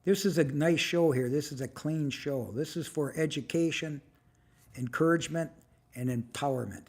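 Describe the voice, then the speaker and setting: A man in his seventies hosting a casual livestream, chatting with viewers and firing off quick questions. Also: a little high, husky. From United States. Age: 70s. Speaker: livestream host.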